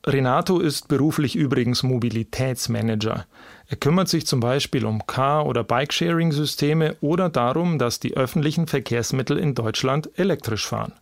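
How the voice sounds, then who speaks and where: A male podcast host reads his scripted narration at a medium pitch. His delivery is personal and story-like, with a dry, close sound and no room echo. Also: moderate pace.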